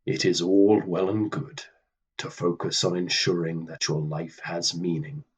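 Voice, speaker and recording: A man acting in a radio play as Death, a stern, weary immortal who speaks formally and coldly with a husky voice. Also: deep voice, level tone. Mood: detached, grave. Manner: deliberate, formal, cold, dismissive.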